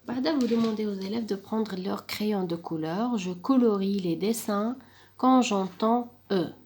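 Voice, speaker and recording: A woman talks through a primary school lesson, switching languages as she goes. She stretches out each example word slowly and clearly, as if a class were listening. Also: mid-range voice, mellow. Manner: slow, clearly sounded-out words when modeling the exercise; mixes French and Arabic dialect mid-sentence.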